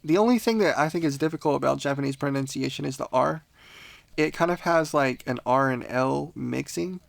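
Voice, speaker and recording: A man's voice: a little high, a little fast, creaky, no room sound. A man teaching a casual beginner language lesson on a podcast, patient and laughing often.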